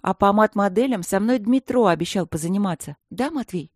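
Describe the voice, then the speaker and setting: A man's voice: expressive, fairly quick, no echo, studio quality. A man doing a small, earnest student girl. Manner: high, indignant, earnest.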